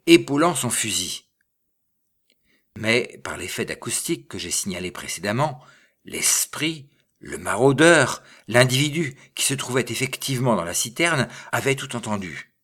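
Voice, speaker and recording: A man narrating a story aloud in a measured, expressive reading. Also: mid-range voice. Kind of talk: audiobook reading.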